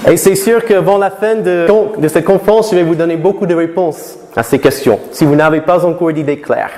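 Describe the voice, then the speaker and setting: This lecturer's fairly high, darkish voice fills an echoey lecture hall with long reverb. He's a middle-aged native English speaker from the United States giving a live conference talk to students. His delivery halts and restarts, and he often questions the audience.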